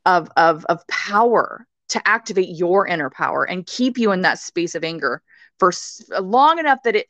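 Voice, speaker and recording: A woman guest on a podcast, talking intensely and swearing freely, now and then bursting into shouted quotes. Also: lowish voice, animated, moderate pace, no room sound. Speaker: podcast guest, rage coach. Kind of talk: emphatic interview talk.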